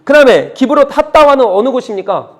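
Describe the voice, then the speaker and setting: A middle-aged male pastor preaching a sermon, reading scripture slowly and asking the congregation one rhetorical question after another. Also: very high-pitched, animated. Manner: reads scripture slowly, then explains.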